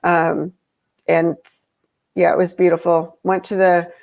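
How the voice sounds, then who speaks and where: A woman's voice: on the low side, little pitch movement, slow pace, creaky, darkish tone. A woman talking casually as a podcast guest, rambling with lots of fillers and restarts. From grew up in Europe. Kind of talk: casual conversation.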